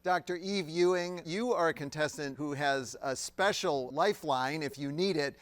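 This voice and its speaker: A man's voice: a little high, moderate pace, dry recording. Playful male quiz show host. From Evanston, Illinois. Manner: jokey and playful, laughs often. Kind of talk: game show hosting and narration.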